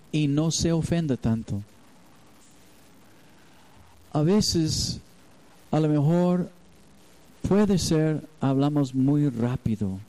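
A man's voice: a little high, mellow, low-quality recording. A man preaching as a pastor, telling a personal story and acting out the voices in it. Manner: storytelling, acts out quoted voices. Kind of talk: sermon.

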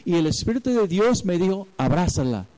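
A man's voice: high-pitched, very animated, fairly quick, mellow, rough recording. A man preaching as a pastor, telling a personal story and acting out the voices in it. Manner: storytelling, acts out quoted voices. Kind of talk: sermon.

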